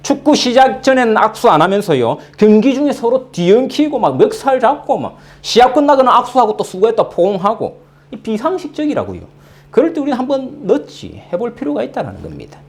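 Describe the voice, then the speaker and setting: A male pastor giving a Sunday sermon in a conversational, animated way, acting out little everyday scenes. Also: very high-pitched, fairly quick. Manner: conversational, animated preaching with acted-out asides. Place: church in London.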